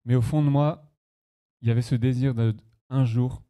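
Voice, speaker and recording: A man's voice: medium pitch, fairly even intonation, moderate pace. A man from France, a pastor, telling his personal testimony to a congregation in a conversational, storytelling way. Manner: conversational, warm personal storytelling with light laughs. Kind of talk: sermon testimony. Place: church hall.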